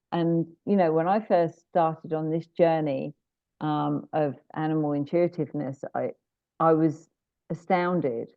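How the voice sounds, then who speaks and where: A chatty, animated woman with a low-pitched voice, trading stories as a guest. She restarts sentences often and fills gaps with "you know." The sound is dry and thin, like a call over a phone line. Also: dry recording. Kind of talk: casual interview chat.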